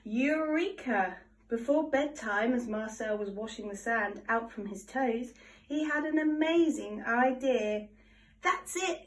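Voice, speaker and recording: A woman with a higher-pitched voice reads a children's picture book aloud, telling the story in an animated, expressive way. She is recorded from a little distance from the microphone.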